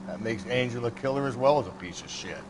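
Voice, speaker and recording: An actor playing a world-weary, profane police detective in a 1940s crime game, talking bluntly. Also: male voice, mid-range voice, expressive, fast, background noise, lightly acted. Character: gruff cynical middle-aged male police detective.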